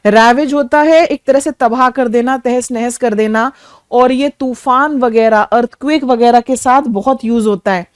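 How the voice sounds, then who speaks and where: A woman with an Indian accent runs an exam-prep English lesson. Her voice sits high and comes across smooth and clear, and the recording is dry and close. She explains word meanings and spells words out letter by letter. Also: normal speed, no room sound. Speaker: English teacher.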